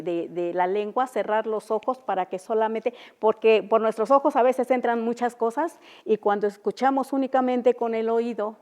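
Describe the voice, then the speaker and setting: A young woman who speaks Mixtec natively, teaching an unscripted language class in an auditorium, halting with many fillers and repeating example sounds. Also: a little high, a little mellow. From Oaxaca, Mexico. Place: university auditorium.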